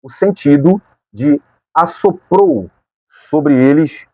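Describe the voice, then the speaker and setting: A man's voice: fairly high pitch, takes it slowly, darkish tone, no room sound, highs cut off. A man with a Brazilian Portuguese accent teaching a Sunday school Bible lesson, explaining point by point and often checking in with his listeners.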